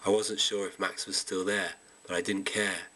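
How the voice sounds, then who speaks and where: A man reading a first-person story aloud in a steady storytelling manner. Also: sits low, moderate pace, rough recording. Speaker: reader. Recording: amateur home reading.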